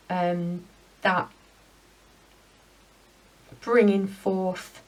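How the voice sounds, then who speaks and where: A woman giving a spiritual pick-a-card rune reading, speaking in a gentle, rambling, heartfelt way. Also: medium pitch, far from the mic, poor audio.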